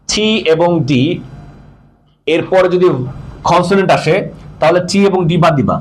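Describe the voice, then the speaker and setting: Man drilling a class. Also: high voice. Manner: patient, repetitive drilling with frequent check-ins. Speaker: English teacher. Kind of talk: classroom pronunciation lesson.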